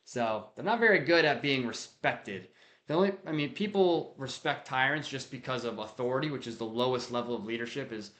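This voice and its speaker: A man speaking casually and directly as a leadership coach, talking to camera with frequent restarts, often acting out quick lines of dialogue. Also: medium pitch, fairly bright tone. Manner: casual, direct, conversational, with frequent restarts and acted-out example quotes. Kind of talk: unscripted talk to camera on leadership.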